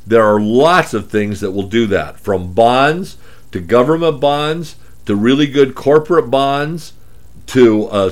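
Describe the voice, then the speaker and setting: A male radio host giving money and retirement advice in a steady, middle-pitched voice. He talks emphatically to listeners and hammers home his points with rhetorical questions, one after another. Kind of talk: radio talk monologue.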